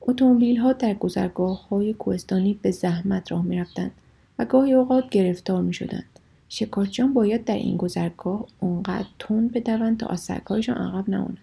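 A woman narrating a storybook with a steady, measured reading voice. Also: mid-range voice, creaky, slightly rough.

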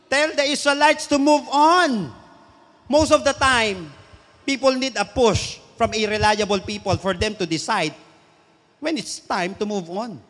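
High-voiced preacher in a reverberant hall. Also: male voice. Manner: switches between Tagalog and English, rises to loud emphatic preaching. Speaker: pastor. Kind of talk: sermon.

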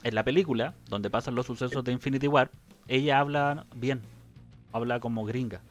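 A man's voice: medium pitch, normal speed, soft background music. A man with a Chilean accent, a podcast co-host, chatting casually in a joking, teasing way. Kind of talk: casual chat.

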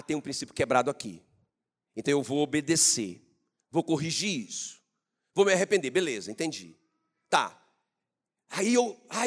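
A man preaching a sermon, shifting between quiet personal storytelling and loud shouted bursts of praise. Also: a little high. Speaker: pastor.

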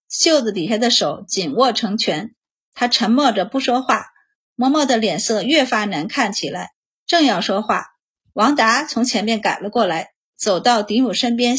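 A woman narrating a Chinese period novel in a steady reading voice. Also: on the high side, husky. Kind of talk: storybook narration.

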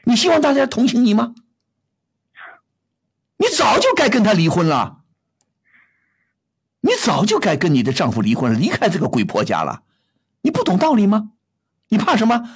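A man's voice: high voice, creaky, husky. A middle-aged man hosting a call-in advice show, bluntly scolding a caller with rhetorical questions. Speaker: radio advice host.

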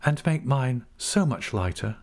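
A man reading a storybook voicing a calm, gentle young woman who speaks softly and steadily. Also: mid-range voice, a little slow, pitched above the performer's own voice. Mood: tender. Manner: soft and steady.

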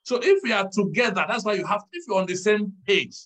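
A man, a pastor, teaching in a church talk show, measured and stressing key words. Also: sits high, animated, fairly bright tone, slightly rough, poor audio.

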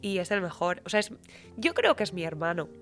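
A woman guest in a casual podcast conversation, talking in an animated, heartfelt and slangy way. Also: fairly low pitch, a little fast, faint music behind. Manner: animated, emotional, slangy, often says "tío".

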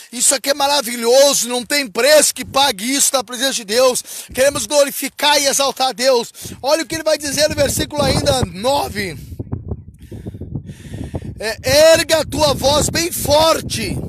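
A man preaching a fervent sermon, drawing out and shouting scripture lines and breaking into tongues. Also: very high-pitched, background noise. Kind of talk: fervent Pentecostal-style sermon.

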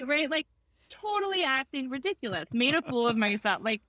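A woman therapist telling a story in a casual conversation, animated, laughing often and acting out quotes. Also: high-pitched, dry recording.

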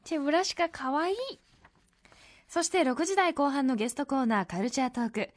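A woman with a high voice reads a scripted recap for a radio show. She is bubbly and gushes like an excited fan. Her delivery mixes script with little asides. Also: brisk. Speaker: radio co-host.

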